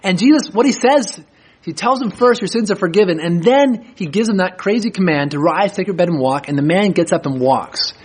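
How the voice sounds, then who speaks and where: A man preaching a sermon, reading scripture aloud slowly and then explaining it in plain, conversational talk. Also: high-pitched, lively intonation, husky. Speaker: pastor.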